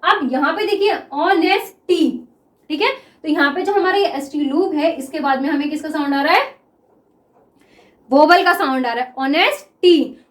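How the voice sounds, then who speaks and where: A high-pitched woman gives a classroom lesson, drawing out example words as she writes them and checking in with her students again and again. The room rings with a noticeable echo. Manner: repeats words slowly while writing, asks 'clear?' often. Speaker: shorthand teacher.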